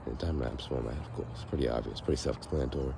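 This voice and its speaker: Very fast and extremely low-pitched, the hoarse, raspy, gravelly voice of a young male vlogger sits at the bottom of his range. He muses and rambles to a handheld phone while walking a foggy street for a casual vlog, passing traffic and outdoor noise clearly behind him.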